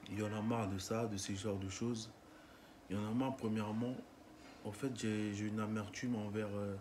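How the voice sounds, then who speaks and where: A man's voice: lowish voice, a little mellow, slight background noise. A man with a Cameroonian French accent giving an impassioned, indignant monologue to camera, repeating himself and firing off rhetorical questions. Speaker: vlogger.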